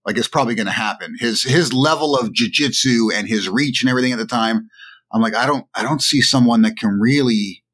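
A middle-aged man co-hosting a casual sports chat podcast, explaining his views in an emphatic, animated way. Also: medium pitch, fairly quick. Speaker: podcast co-host.

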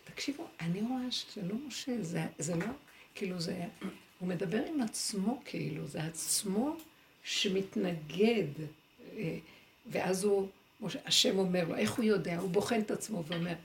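Woman teaching torah to a group, gravelly voice, mid pitch, quiet room hum behind. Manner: lively, rhetorical questions, acts out inner dialogue.

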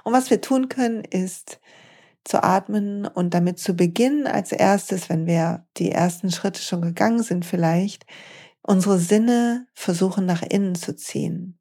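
A woman hosting a podcast, talking eagerly about yoga and slowing down to guide listeners through breathing exercises. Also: medium pitch, warm tone. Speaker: podcast host and yoga teacher.

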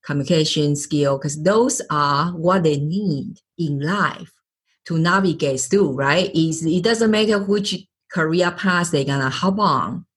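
A woman's voice: sits low, unhurried, slightly rough. A middle-aged woman hosting a podcast interview, often searching for words and restarting her sentences. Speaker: podcast host.

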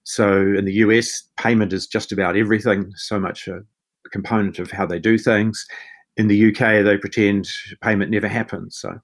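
A man's voice: on the low side, fairly even intonation, moderate pace. A man with a broad New Zealand accent giving conversational answers as a podcast guest. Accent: broad New Zealand (Kiwi). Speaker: podcast guest, chief medical officer and physician.

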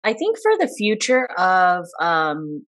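A woman's voice: fairly low pitch, wildly swooping pitch, slow, a bit bright. A woman, a podcast co-host, talking in an easygoing way and checking in with "right?". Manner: easygoing, asks for agreement with "right?". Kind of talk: casual interview chat.

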